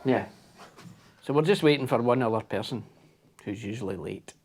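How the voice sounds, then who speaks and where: A man's voice: mid-range voice, expressive, moderate pace, breathy edge. Joking man directing a panto. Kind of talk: casual backstage chat.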